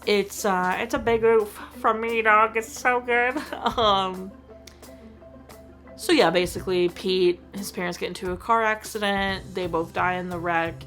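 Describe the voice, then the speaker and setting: A woman's voice: medium pitch, fairly even intonation, unhurried, fairly bright tone, faint music behind. A woman hosting her own show, giving a chatty, enthusiastic movie review full of "like.". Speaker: host.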